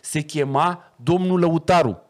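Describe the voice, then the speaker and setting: A man, a podcast guest talking casually and telling animated, slangy stories. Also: a little high. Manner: animated storyteller, slangy, acts out quoted dialogue.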